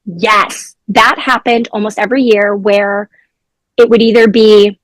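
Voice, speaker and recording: A woman's voice: medium pitch, steady tone, unhurried, no room sound. A young adult woman, a former teacher, telling stories from her classroom in a casual interview.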